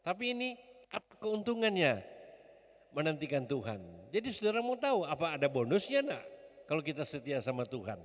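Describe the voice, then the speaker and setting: A man's voice: on the high side, sing-song, a little fast. A man preaching a sermon as pastor, emphatic and rousing, leading the congregation to call back. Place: church hall. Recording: long church reverb.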